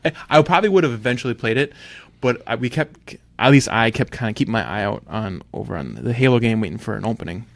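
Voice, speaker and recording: A man co-hosting a casual podcast, his pitch swinging widely as he tells stories and bursts into loud exclamations. His voice sounds dry and close to the mic, with no room around it. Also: fast, gravelly, no echo. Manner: animated, excitable storytelling with loud outbursts. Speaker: podcast co-host.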